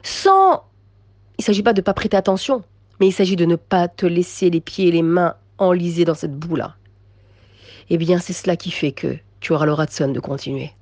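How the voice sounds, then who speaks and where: A woman giving an inspirational religious talk to women, emphatic and repetitive, moving between soft passages and raised ones. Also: on the low side, normal speed, dry recording. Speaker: religious teacher addressing women.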